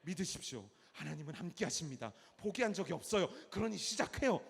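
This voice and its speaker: A man preaching a youth church sermon, moving from hushed murmurs to shouted calls and calling out names. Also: on the high side, big pitch swings, quick pace, vocal fry. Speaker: youth pastor. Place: church hall. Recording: echoey church hall, long reverb.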